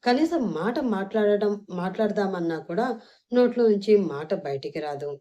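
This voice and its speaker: Mellow woman narrating an audio novel. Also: medium pitch, expressive, normal speed. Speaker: story narrator.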